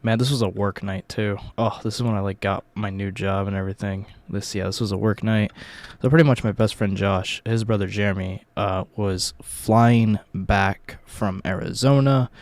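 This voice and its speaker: A hungover young man from Virginia, a YouTube host who tells life stories, rambles through a personal story like a casual vlogger, swearing plenty and keeping it informal. His voice is fairly low, steady in tone, and fairly quick. The recording is dry and close.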